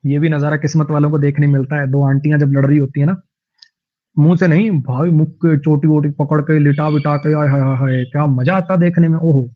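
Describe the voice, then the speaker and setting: A male teacher with a Haryanvi-tinged Hindi accent, giving an online vocabulary lesson in a chatty, jokey way with lively anecdotes. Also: on the high side, a little fast, phone-quality sound.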